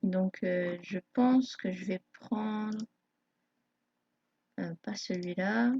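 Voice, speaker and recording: A woman narrates a live screen tutorial in a mellow, slightly husky voice. She hesitates often, filling pauses as a nervous beginner would. The recording sounds dull and lo-fi. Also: medium pitch. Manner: hesitant, many fillers, self-conscious beginner. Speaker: YouTube tutorial maker.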